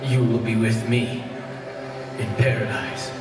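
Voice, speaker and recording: An amateur actor playing a crucified Jesus in a church Easter drama, suffering and solemn, with an anguished, declamatory delivery. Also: male voice, medium pitch, little pitch movement, slow, close to an everyday voice. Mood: solemn, forgiving. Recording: distant, echoey hall, loud music.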